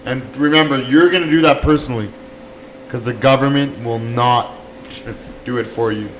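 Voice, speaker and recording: A man's voice: medium pitch, normal speed, slight background noise. A man co-hosting a casual podcast chat, earnestly urging listeners to check on their friends. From Canada. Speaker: podcast co-host.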